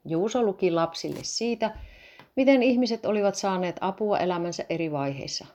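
A woman narrating a children's story in a calm, even storytelling manner. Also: mid-range voice. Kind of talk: storybook reading.

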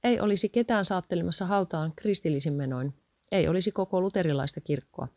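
A woman reading aloud and voicing a patient wife who calmly reasons and adds up sums. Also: fairly low pitch, dry recording, clean studio sound, lightly acted. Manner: calm, persistent, counting sums aloud.

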